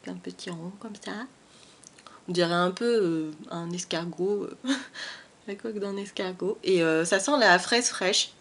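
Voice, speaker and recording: A woman's voice: on the low side, a little slow, a bit bright. A young woman with a French accent chatting casually through a haul video at home, hesitant and full of fillers, recorded on a camera mic. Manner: hesitant, many fillers and repetitions. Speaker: beauty vlogger. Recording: faint background noise.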